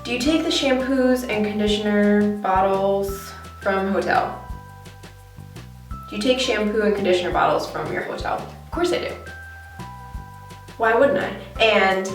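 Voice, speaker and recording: Sitting at a distance from the microphone, this Connecticut-born young woman speaks in a mid-range voice inside a cramped, reverberant bathroom. It's a loose, chatty tag video, and she addresses the camera like an informal, talkative American vlogger.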